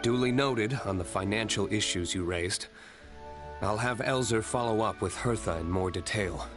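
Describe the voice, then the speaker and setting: A man's voice: fairly low pitch, moderate pace, over music, natural voice. A man voicing a stern, cold nobleman. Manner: curt, cold, clipped. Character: stern aloof male winery owner, curt and cold. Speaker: game character. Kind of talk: game voice acting.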